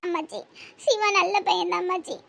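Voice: very high voice, fairly even intonation, fairly quick. A voice artist playing a heartbroken, tearful young village woman with a Tirunelveli Tamil accent in a cartoon comedy. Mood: pleading. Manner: pleading, tearful, soft.

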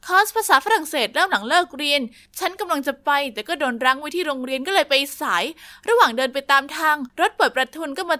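A woman narrating a first-person story, lively and confiding, speaking straight to the listener. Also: high-pitched.

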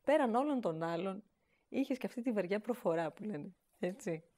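A woman interviewing her guest, asking gentle and hesitant questions with many pauses. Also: mid-range voice, expressive. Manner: soft, hesitant, with many fillers.

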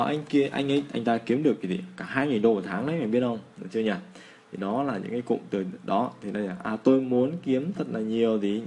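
A man with a Vietnamese accent teaching English phrases in a casual lesson, slowing down to model the pronunciation. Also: on the low side, a little mellow, a little hiss or hum.

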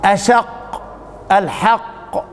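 A man's voice: high-pitched, steady tone, drawn-out words, in a large hall. A man with an Upper Egyptian accent teaching Quran recitation in a casual classroom lecture, quizzing his students and joking with them. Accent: Upper Egyptian Arabic. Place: mosque lesson hall.

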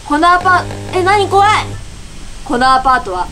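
A young woman playing a horror game and commenting on it, excitable and quick to shriek when scared. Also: extremely high pitch, a little hiss or hum, low-quality recording. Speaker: gaming YouTuber.

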